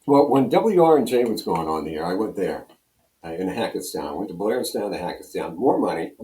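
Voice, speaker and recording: An older American man from Pennsylvania, a radio program director and on-air personality, reminisces as an interview guest, rambling casually through anecdotes. His low, mellow voice moves fairly quickly with big swings in pitch. The room sounds roomy and echoey.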